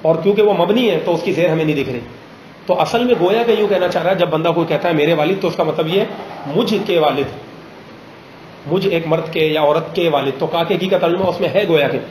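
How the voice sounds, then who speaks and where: A man teaching a grammar lesson in a classroom, pausing often to ask students questions and slowing down on examples. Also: on the high side, darkish tone, slight background noise. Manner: drills students with frequent check questions; slows down to spell out example phrases. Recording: roomy classroom echo.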